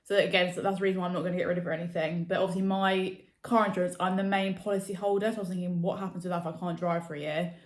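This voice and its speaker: A woman's voice: fairly low pitch, level tone, rapid-fire, hardly any pauses. A young adult woman chatting casually to camera as a vlogger, rambling with many fillers. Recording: echoey room.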